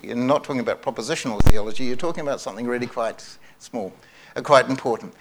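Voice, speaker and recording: A man's voice: medium pitch, fairly bright tone. A man preaching a sermon at a microphone, earnest, repeating key phrases for emphasis and often restarting his sentences. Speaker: pastor.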